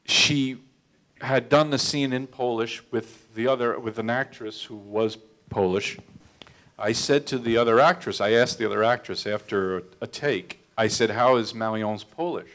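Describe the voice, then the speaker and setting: A man's voice: mid-range voice, a little slow, fairly bright tone. A man who is a film director tells anecdotes at a public Q&A, self-deprecating and often stammering into restarts. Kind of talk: storytelling talk at a public Q&A.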